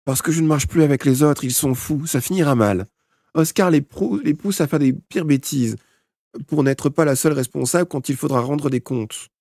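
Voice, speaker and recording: A man's voice: fairly high pitch, moderate pace, a little mellow, no echo, clean studio sound, voice pushed up. A man voicing a scared, tearful boy with a toothache who whimpers and pleads. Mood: pleading.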